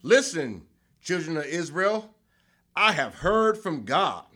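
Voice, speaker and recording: A man playing Moses in a children's Bible skit, proclaiming loudly to a crowd. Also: a little high, sing-song, slow pace, full character voice. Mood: rousing. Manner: loud, proclaiming speech to a crowd. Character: Moses, bold male leader addressing his people.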